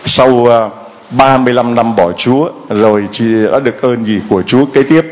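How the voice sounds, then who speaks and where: A man's voice: medium pitch, moderate pace. A man, a priest, preaching emphatically and asking rhetorical questions of the congregation. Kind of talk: sermon with audience questions.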